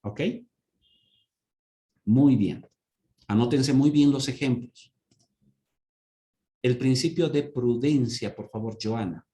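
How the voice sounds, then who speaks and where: A man's voice: medium pitch, slow, pauses often, dark tone, echoey room. A man teaching an accounting class, explaining with everyday examples and often checking in with his students. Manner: asks students for confirmation with repeated "¿sí?". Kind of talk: online class lecture.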